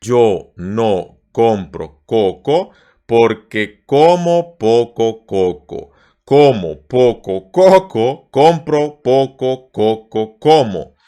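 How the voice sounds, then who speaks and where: A man teaching with tongue twisters, rattling through them faster and faster, repeating syllables and sometimes tripping over them. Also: medium pitch, lively intonation, mellow, faint music behind. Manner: non-native English phrasing. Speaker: language teacher, video host. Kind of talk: tongue-twister lesson, recited slow then speeding up.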